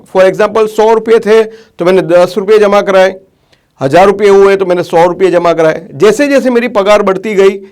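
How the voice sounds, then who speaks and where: A man's voice: sits high, a little mellow. A man working as a financial life planner, telling viewers a story in a chatty style, dropping English phrases into his talk. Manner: conversational, mixes English phrases into Hindi.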